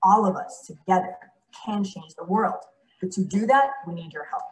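A woman's voice: mid-range voice, expressive, moderate pace. A woman hosting a promotional video, reading an upbeat scripted welcome. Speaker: event host in a promo video. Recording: promo video with background music.

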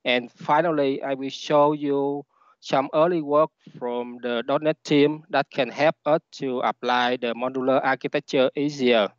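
A man with a Vietnamese accent, a native Vietnamese speaker, giving a halting technical presentation over a headset on an online call. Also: medium pitch, steady tone, smooth, no echo. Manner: halting, with repeated words. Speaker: conference speaker, software engineer. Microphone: headset on a video call. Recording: dull, lo-fi online call audio.

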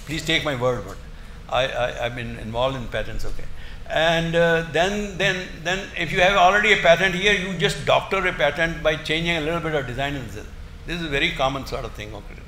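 An older man giving an academic lecture in a halting, emphatic way, often repeating his words. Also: fairly high pitch, sharp tone. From India. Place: indoor lecture room, seated at a desk. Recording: roomy echo, faint background noise.

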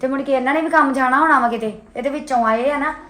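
A woman's voice: sits high, fast talker, fairly bright tone. An actress playing a grateful young mother chatting with her mother-in-law. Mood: cheerful. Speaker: actor. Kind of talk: family drama acting. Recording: echoey room, mic at a distance.

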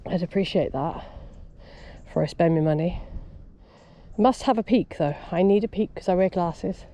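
A woman's voice: fairly low pitch, moderate pace, warm tone. A woman cycling on country roads who chats casually to an action camera on her bike and is breathing hard from the climb. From Wales. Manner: chatty, self-commenting, laughs at herself. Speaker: cycling vlogger. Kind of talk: casual talk while riding. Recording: outdoor camera with wind and road noise. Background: passing traffic and wind.

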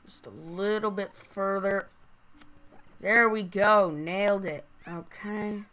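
A woman giving casual, rambling gameplay commentary through a voice changer, halting and prone to excited exclamations. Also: medium pitch, faint music behind. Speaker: gaming video host.

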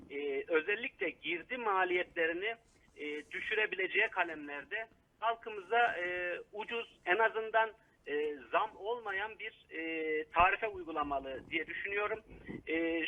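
Council member calling in by phone, high voice, thin phone-band sound, critical and halting. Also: male voice, lively intonation. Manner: critical, hesitant with frequent fillers. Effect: over the phone. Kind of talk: live phone interview commentary. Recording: tinny phone line.

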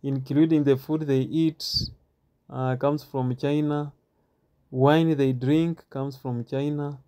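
A man giving a walking stadium tour outdoors, talking haltingly with many filler pauses and repeats, recorded on a handheld phone. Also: mid-range voice, fairly even intonation, warm tone. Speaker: tour guide.

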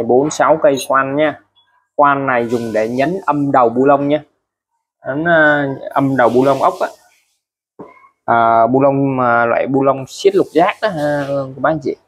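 A man's voice: medium pitch, measured pace. A man walks through his used tools item by item, chatty and repetitive, restating each price. His voice sits in a middle register. A faint noise hums underneath. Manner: chatty, ends phrases with friendly particles. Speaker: used tool seller. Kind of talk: casual product showcase.

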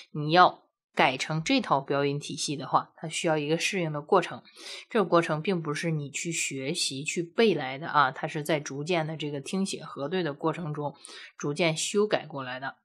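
A language teacher with a low voice gives a recorded lesson, explaining patiently step by step and often checking in with rhetorical questions. At times she slowly drills practice syllables aloud for her students.

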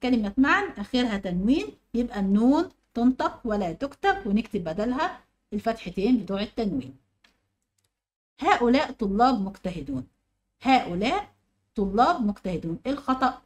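A young Egyptian woman leads an online grammar lesson at a fast clip. Her voice sits a little high. She asks her pupils questions and answers them as she goes. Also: very animated. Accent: Egyptian Arabic. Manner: explains step by step, quizzing pupils. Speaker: teacher.

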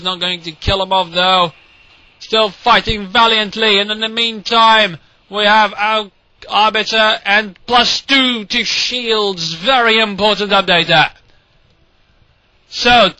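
A man casually commentating a strategy game replay, excitable and sarcastic, mocking the players and swearing. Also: high voice, no echo, dull audio.

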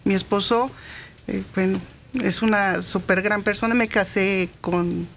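Soft-spoken Mexican woman in her fifties. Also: medium pitch, steady tone, a little slow, gravelly, a little hiss or hum. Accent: Mexican Spanish. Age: 50s. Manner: soft-spoken, hesitant with many fillers. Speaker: radio studio guest. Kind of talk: casual radio interview. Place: radio studio.

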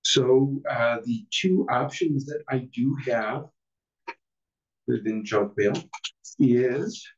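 A man gives a casual tech talk at a user group meeting. He hesitates often and makes wry, self-deprecating remarks. He is recorded from across a reverberant meeting room, and the sound is muffled. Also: mid-range voice. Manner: halting, filler-heavy, self-deprecating. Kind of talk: casual technical presentation. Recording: distant, roomy, dull room recording.

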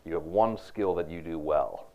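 A man's voice: low voice, moderate pace. A man lecturing on philosophy to students in a conversational way, often checking in with "right?" and asking them questions. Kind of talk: university lecture. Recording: dull lo-fi lecture recording.

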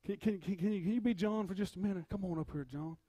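A man preaching an impromptu sermon, swinging from hushed storytelling to rising shouts and repeating his words. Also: sits high, fast, husky, dry recording, studio quality. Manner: rhythmic preaching with "uh" before phrases.

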